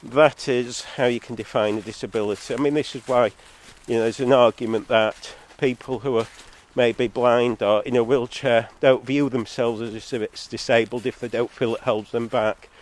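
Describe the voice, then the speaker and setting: A man with a head cold talks at a steady, moderate pace with few pauses, sardonic and argumentative, drifting into asides in a rambling outdoor vlog monologue. Born in Zambia and living in England, he makes videos on his own. His phone or camera recorded him too hot, so the audio is distorted and clipped.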